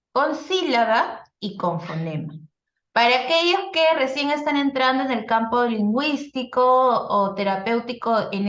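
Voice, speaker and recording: A woman, a speech therapist, giving a live online workshop in an explanatory teaching style, often checking in with "no?" and filler sounds. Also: fairly high pitch. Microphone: video call. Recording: echoey lo-fi video call audio.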